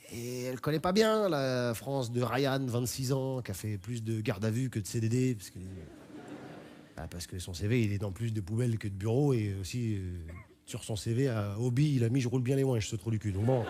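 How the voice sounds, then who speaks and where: A man's voice: medium pitch, a little mellow. A male stand-up comedian delivering sardonic social satire on stage into a microphone. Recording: noisy live stage recording.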